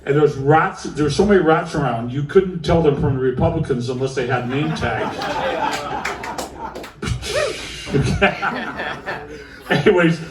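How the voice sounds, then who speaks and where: A man's voice: a little high, slow, pauses often. A man performing live in a music club, telling a long, profane story between songs, full of asides and "right?" tags. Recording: roomy live club audio, from far off.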